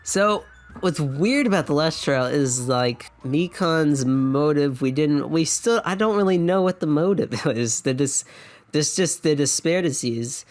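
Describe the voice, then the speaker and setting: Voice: medium pitch, animated, unhurried. A streamer doing blind playthrough commentary, reading game dialogue aloud with sarcastic asides and laughs.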